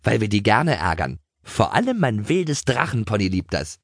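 A man voicing an excitable young girl who rides a pony, in a children's audiobook. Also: fairly low pitch, moderate pace, creaky, no echo, clean studio sound, full character voice. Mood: teasing.

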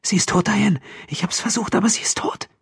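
Man doing a trembling frightened female cop, high pitch, anxious, audiobook. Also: brisk, gravelly, a bit bright, husky, dry recording, clean studio sound, heavily acted. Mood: shaken. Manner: shaky, anxious. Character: shaken young female police officer.

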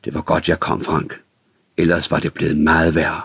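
A man voicing a brisk, firm young woman in an audiobook, speaking soothingly but decisively. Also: low-pitched, steady tone, husky, dry recording. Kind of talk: audiobook reading.

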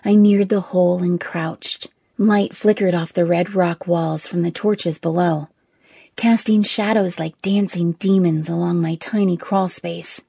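A woman reading a first-person audiobook in a measured, tense storytelling manner, recorded on a close studio mic. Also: lowish voice, steady tone, vocal fry, mellow, husky, no room sound. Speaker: audiobook narrator.

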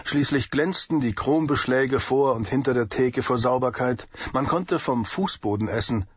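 A man narrating an audiobook thriller in a steady, measured way, in a dull lo-fi recording. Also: medium pitch, slightly rough, dry recording. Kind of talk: scripted narration.

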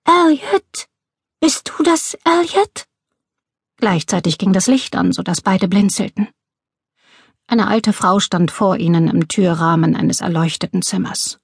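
Gravelly woman narrating a thriller. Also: fairly low pitch, steady tone, moderate pace, no echo, studio quality. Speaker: audiobook narrator. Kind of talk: scripted audiobook narration.

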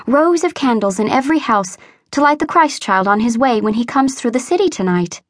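A woman's voice: sits high, expressive, fairly quick, no echo, studio quality, pitched above the performer's own voice. A woman narrator voicing an eager, deferential young maid in a storybook reading.

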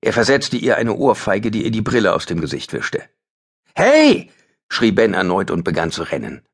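A man's voice: deep voice, lively intonation, fairly quick, vocal fry, breathy edge. A man narrating a thriller audiobook in a tense, dramatic scripted reading.

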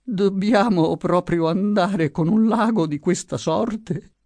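A man's voice: sits high, big pitch swings, slow, vocal fry, a little mellow, dry recording, studio quality, pitched above the performer's own voice, full character voice. A man putting on a feeble, quavering old woman. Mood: fretful. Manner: plaintive, moaning pleas. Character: frail elderly woman, timid and fearful. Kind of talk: audiobook character voice.

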